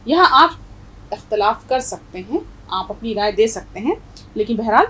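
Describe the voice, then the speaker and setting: A woman's voice: on the high side, animated, pushed and bright, husky, poor audio. Patient woman teaching Urdu pronunciation. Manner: patient, stresses correct pronunciation. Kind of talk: explaining a story and pronunciation.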